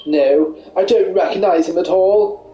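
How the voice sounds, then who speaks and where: Guy doing a smug posh runner voice, pitched way up, full of himself. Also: measured pace, roomy sound, lo-fi sound, soft background music. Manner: pompous, self-satisfied. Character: smug posh male jogger witness.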